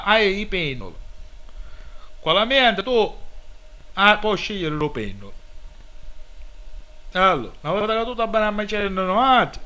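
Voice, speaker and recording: A man's voice: high-pitched, pushed and bright, heavily acted. A man with a Sicilian accent voicing a bossy, exasperated, coarse Sicilian man in a comic dialect dub, emphatic and scolding. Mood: insistent explaining.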